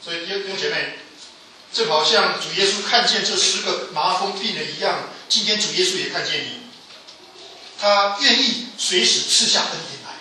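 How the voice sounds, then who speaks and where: A man preaching a sermon with emphatic delivery, his voice rising to loud pleas and falling low again. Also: normal speed, slight background noise. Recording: echoey hall from a distance.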